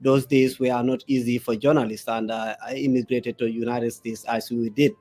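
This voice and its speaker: A man with a Gambian English accent, a political analyst answering live interview questions in a halting way, with many filler pauses. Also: medium pitch, little pitch movement, a little mellow, faint music behind.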